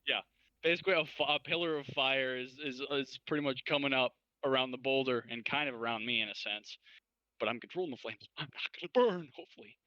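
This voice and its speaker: A young man playing a tabletop game, excitable and swearing a lot, often shouting his lines. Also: medium pitch, fast talker, dry recording, muffled recording. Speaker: player.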